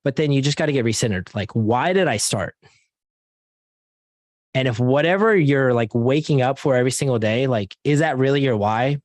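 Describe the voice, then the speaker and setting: A man's voice: mid-range voice, fast, hardly any pauses, darkish tone, no room sound. A man giving a casual motivational sales training talk over an online meeting. He fills his talk with "like" and calls his listeners guys and dude. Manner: casual, filler-heavy, addresses audience as guys and dude.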